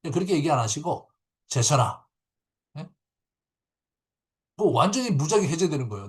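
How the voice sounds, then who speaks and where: A man, a pastor, teaching a Bible class over a video call in an animated way, acting out quotes and often checking in with his listeners. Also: mid-range voice. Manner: animated, acts out quotes, frequent tag questions. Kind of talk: lively Bible lecture.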